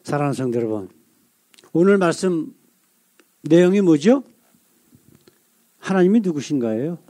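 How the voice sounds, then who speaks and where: A male pastor delivering a sermon, asking the congregation rhetorical questions and reading scripture aloud slowly. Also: fairly high pitch, big pitch swings, dark tone.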